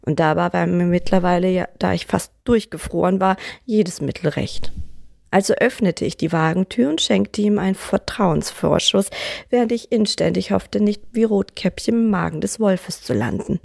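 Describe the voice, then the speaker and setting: A woman reading a first-person story aloud in a lively, expressive way. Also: lowish voice, normal speed, vocal fry, no room sound, clean studio sound. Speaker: reader of a contributed story. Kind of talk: scripted first-person narration.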